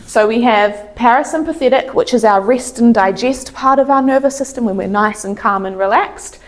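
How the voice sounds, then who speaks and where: A woman's voice: on the high side, normal speed. A woman chiropractor presenting an informal educational talk, explaining things in simple, everyday terms. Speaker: chiropractor giving a health talk.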